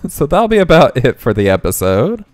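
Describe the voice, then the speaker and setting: A man's voice: medium pitch, sing-song, brisk, no echo. A man hosting a let's play, casually thinking aloud and correcting himself as he plays, with faint game music underneath. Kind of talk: casual gameplay commentary.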